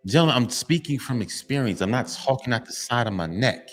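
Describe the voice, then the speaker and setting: A man's voice: medium pitch, lively intonation, fairly quick, faint music behind. A man, giving a heartfelt motivational talk to fathers. He is emphatic, stumbles and repeats himself, and is tearful at times. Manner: emphatic, repetitive, restarts often, preachy. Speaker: vlogger addressing fathers.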